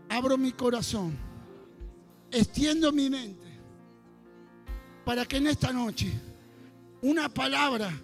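An Argentine pastor in his sixties, with an Argentine Spanish accent and a very high voice, preaches a sermon. He leads his congregation in fervent call-and-response prayer that builds to shouting.

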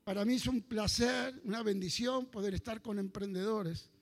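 A man in his sixties from Argentina, with an Argentine Spanish accent, preaching a sermon and leading his congregation in fervent call-and-response prayer that builds to shouting. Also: high voice, moderate pace. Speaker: pastor.

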